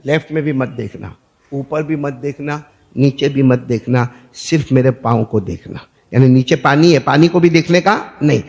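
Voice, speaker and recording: A man preaching a storytelling sermon, animated, acting out the voices of people in his tale. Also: mid-range voice. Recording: echoey hall.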